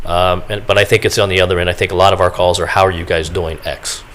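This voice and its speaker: A man who is a county official, giving halting remarks at a public meeting with frequent restarts. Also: low voice, level tone, a bit bright, a little hiss or hum, rough recording.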